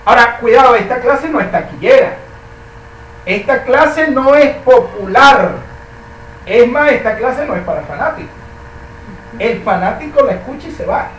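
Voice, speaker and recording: High-voiced man teaching a Bible class. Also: expressive, moderate pace, long pauses, a bit bright, slight background noise. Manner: rhetorical questions, emphatic. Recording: echoey room, mic at a distance.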